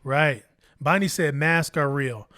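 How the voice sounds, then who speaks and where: High-voiced man giving earnest relationship advice. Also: slow pace, pushed and bright, dry recording, clean studio sound. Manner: earnest, many "you know" fillers. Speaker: podcast co-host.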